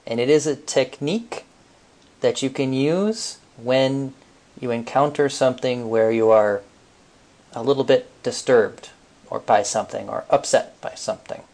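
Man calmly teaching a mental technique. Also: mid-range voice, unhurried. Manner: explains step by step, relaxed with frequent fillers. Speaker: podcast co-host. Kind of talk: casual teaching talk.

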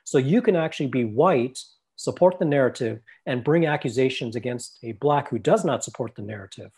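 A husky-voiced man from the United States, talking in a middle-pitched voice as co-host of a faith discussion. He is earnest and often repeats his opening words as he gets going. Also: expressive, brisk, darkish tone. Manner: earnest, stammering repetitions.

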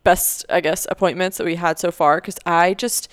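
A woman's voice: lowish voice, fairly even intonation, moderate pace, clear, resonant tone, no room sound, studio quality. A young woman co-hosting a podcast, chatting casually with lots of fillers and easy laughter. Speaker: podcast co-host. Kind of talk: casual chat.

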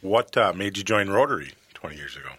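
Low-voiced man, podcast co-host. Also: fast talker, husky, no echo. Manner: relaxed, brief questions. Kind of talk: casual interview chat. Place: podcast studio.

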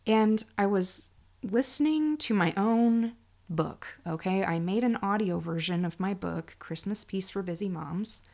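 Gravelly-voiced woman podcast host, candid. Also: medium pitch, a little slow, a little mellow. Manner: candid, sarcastic, emphatic storytelling. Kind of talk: solo podcast monologue.

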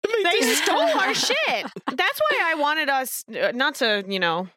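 A woman's voice: high voice, very animated, bright, forceful tone, a little hiss or hum. A woman co-hosting a podcast, chatting casually and joking with friends. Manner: laughing, joking, quick asides. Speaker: podcast co-host. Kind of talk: casual chat.

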